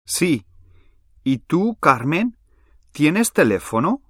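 Pedro, a cheerful young man chatting in a language-exam dialogue. He speaks slowly and carefully, and his voice rises and falls with lively expression. It is a dry studio recording. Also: on the high side, no echo, exaggerated voice. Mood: friendly. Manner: clear, careful delivery, numbers read slowly.

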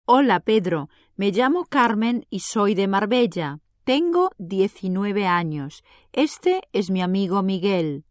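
An actress playing Carmen, a sociable young woman of nineteen, in a scripted exam dialogue, speaking clearly and carefully. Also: mid-range voice, big pitch swings, no echo. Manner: clear, careful delivery, numbers read slowly. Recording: dry studio recording.

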